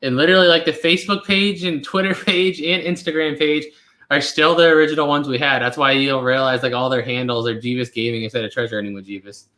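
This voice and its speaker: A man's voice: medium pitch, steady tone, quick pace, bright, forceful tone. A man in his twenties hosting a casual live question-and-answer chat, rambling along with lots of fillers. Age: 20s. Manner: laid-back, rambling with many fillers. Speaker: channel host. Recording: roomy echo.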